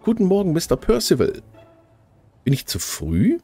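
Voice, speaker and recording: A man voicing a melancholy young noblewoman in a game, reading in a halting, stilted way. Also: high-pitched, huge pitch swings, warm tone, faint music behind, voice pushed up, heavily acted. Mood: gloomy.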